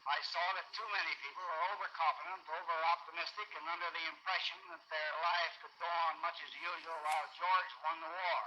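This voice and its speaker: A man reading his own statement for a 1940s newsreel, measured and flat. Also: fairly high pitch. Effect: old newsreel soundtrack. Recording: dull lo-fi old film sound, distant.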